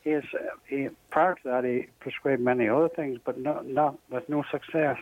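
A man calling in to a radio show over a phone line, asking his question haltingly with many pauses and restarts. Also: mid-range voice, fairly even intonation, no room sound. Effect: heard over a phone line. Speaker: radio call-in caller. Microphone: telephone handset held close to the mouth. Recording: tinny narrowband phone line, dry.

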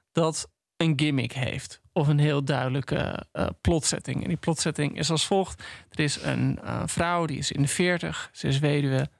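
A man with a gravelly, fairly high voice talks books on a podcast, recorded close and dry in a studio. He stumbles and restarts as he retells a plot. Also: no room sound. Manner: halting, full of restarts and ums. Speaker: podcast co-host. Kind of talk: casual book discussion. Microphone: studio microphone.

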